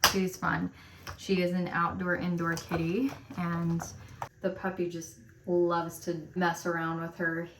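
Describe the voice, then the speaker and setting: Lowish-voiced woman chatting away at home while getting ready, lots of "like", echoey room, mic kinda far. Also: little pitch movement, a little slow, fairly bright tone, a little hiss or hum. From Romania, raised in America. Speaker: lifestyle vlogger. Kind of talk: casual get-ready-with-me chat. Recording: roomy echo, mic at a distance.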